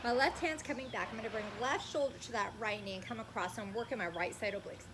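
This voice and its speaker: With a voice on the high side and a quick pace, a female fitness instructor encouragingly counts and guides exercises one step at a time. She's outdoors, and loud cicadas make the recording clearly noisy.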